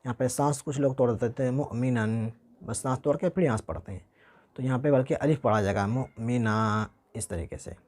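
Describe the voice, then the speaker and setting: A man teaching Quran reading, reciting each word slowly and carefully and explaining pronunciation. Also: mid-range voice, darkish tone.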